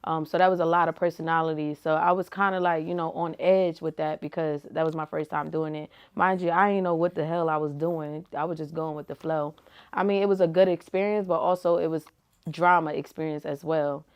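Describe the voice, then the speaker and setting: A woman's voice: low voice, fairly even intonation, brisk, clean tone, lo-fi sound. A young woman giving casual, slangy answers as an interview guest, laid-back and full of "like" and "you feel me". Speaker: rapper and reality TV personality, guest.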